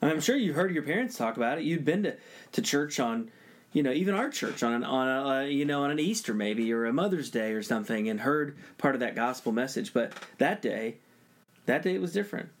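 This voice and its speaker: A man's voice: mid-range voice, animated, a little fast. A man interviewing a church member, affirming and restating the guest's points. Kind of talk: conversational interview.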